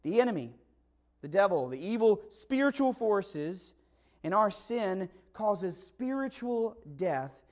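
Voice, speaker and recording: A man's voice: high voice, big pitch swings, slow. A man preaching a conversational Christmas sermon, emphatic and full of rhetorical questions. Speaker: pastor.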